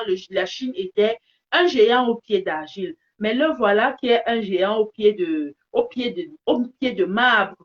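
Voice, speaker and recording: A woman's voice: fairly high pitch, lo-fi sound. A woman from Cameroon with a Cameroonian French accent, speaking emphatically and repeating her key phrases. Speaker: vlogger giving opinions. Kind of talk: passionate monologue to camera.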